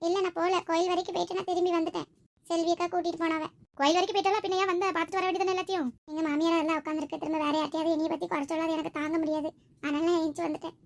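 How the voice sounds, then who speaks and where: A woman voicing a gentle, childless young village wife who speaks softly and tearfully. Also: extremely high pitch, little pitch movement, rapid-fire. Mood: sorrowful. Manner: soft and tearful. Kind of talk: village comedy skit acting.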